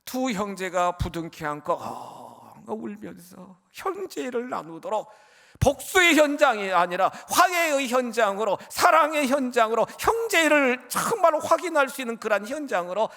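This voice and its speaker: Male preacher, high and very animated, fervent delivery that jumps from shouting to whispering. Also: normal speed, gravelly. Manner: impassioned, swinging from shouts to whispers; keeps addressing the congregation. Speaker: pastor. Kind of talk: sermon.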